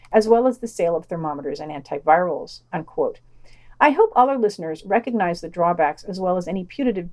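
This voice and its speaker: A woman with a mellow, mid-range voice hosts a podcast news roundup. She reads scripted reviews and quotations aloud in a matter-of-fact, opinionated manner.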